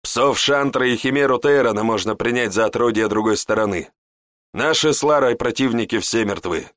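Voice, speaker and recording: A man's voice: mid-range voice, normal speed, a bit bright, dry recording, studio quality. A man narrating a fantasy audiobook in the first person, in a terse storytelling manner.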